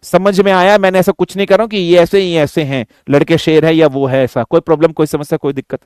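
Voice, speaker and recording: Man, high voice, physics teacher, mix, question-and-answer lecture, dry close sound. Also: level tone, fast, darkish tone, clear, resonant tone, no room sound. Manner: addresses students as beta, asks and answers own questions. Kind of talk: classroom lecture.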